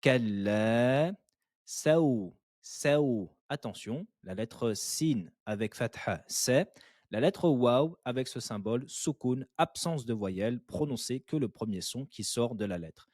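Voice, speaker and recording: Male recitation tutor, mid pitch, unhurried, patient and encouraging, dry close sound. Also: animated, darkish tone, dry recording. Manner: patient, drills syllables slowly and repeats them; encouraging, praises the learner often. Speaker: Quran recitation teacher. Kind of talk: step-by-step tajwid lesson.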